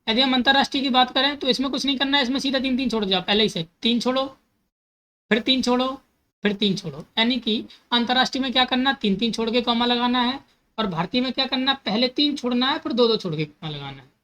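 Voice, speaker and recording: Woman math teacher, bright and fairly high voice, patient step-by-step explainer who mixes in terms. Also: fast, low-quality recording. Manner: repeats steps and asks herself questions, corrects slips.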